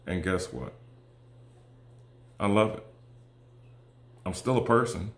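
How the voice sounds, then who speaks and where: A man and combat veteran talking casually to viewers, earnest and halting, with many ums and restarts that give way to emphatic, persuasive pushes. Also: on the low side, very animated, roomy sound. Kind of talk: casual direct-to-camera talk.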